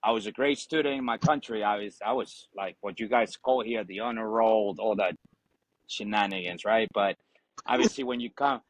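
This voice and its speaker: This Ecuadorian man in his forties, a Spanish-speaking Marine veteran, talks at a normal speed in a lowish voice, and the audio quality is poor. He's a relaxed podcast guest in casual conversation, packing his speech with fillers and some cursing.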